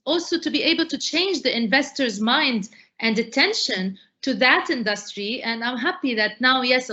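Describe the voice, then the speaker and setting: Middle-aged woman from Lebanon, enthusiastic guest, bright tense voice, dull lo-fi call audio. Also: mid-range voice. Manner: enthusiastic, many "uh" fillers. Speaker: startup advisor, guest. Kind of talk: interview answers.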